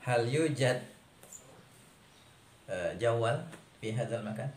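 A man's voice: medium pitch, takes it slowly. A man in his thirties with an Indonesian accent, teaching a language through short, repeated conversational questions. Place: small indoor classroom. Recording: roomy echo, loud background noise.

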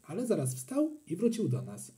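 Man narrating a storybook, expressive, animated pitch, dark mellow tone, slightly high voice. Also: normal speed. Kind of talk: storybook reading.

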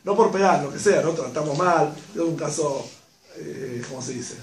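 A man with an Argentine accent giving a religious class to an audience, animated, acting out quotes in a raised voice. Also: fairly high pitch, normal speed. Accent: Argentine Spanish. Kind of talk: lively class talk to an audience. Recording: echoey room, mic far off, faint noise.

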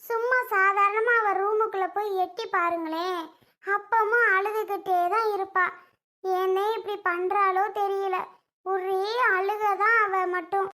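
A woman playing a practical middle-aged wife who briskly scolds her husband in a home-made family drama skit. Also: very high-pitched, fairly even intonation, sharp tone, exaggerated voice. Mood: worried.

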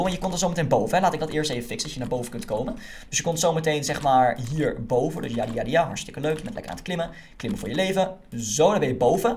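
Young guy rattling off minecraft commentary, hyped and chatty, english slang thrown in, talks super quick. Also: on the high side. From Netherlands. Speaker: gaming YouTuber. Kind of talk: casual Minecraft let's-play commentary.

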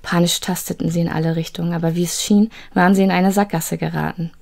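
A woman reads a children's fantasy story aloud in a steady, suspenseful way. Her voice sits fairly low and carries a gravelly, creaky texture. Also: quick pace. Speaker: narrator. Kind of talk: storybook narration.

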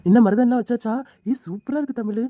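Woman voicing a young cartoon husband, teasing, dark tone, very fast, dry sound. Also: fairly high pitch, dry recording, lo-fi sound, lightly acted. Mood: coaxing. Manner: coaxing, teasing. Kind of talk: cartoon voice acting.

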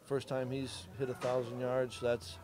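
A man's voice: medium pitch, monotone, unhurried, a crowd in the background. A middle-aged man, a head football coach, giving plainspoken, understated answers at a postgame press conference.

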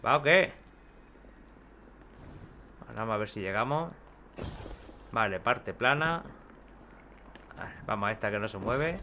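Excitable man commenting gameplay. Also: lowish voice, takes it slowly, long pauses, slight background noise. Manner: excitable, chatty, swears casually. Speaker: gaming video host.

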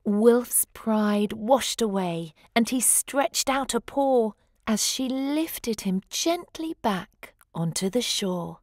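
A woman narrates a rhyming picture book for children in an unhurried, expressive way. She leans on key words for drama, and the sound is dry and close. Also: on the high side, no echo. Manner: measured, dramatic emphasis. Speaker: storybook reader.

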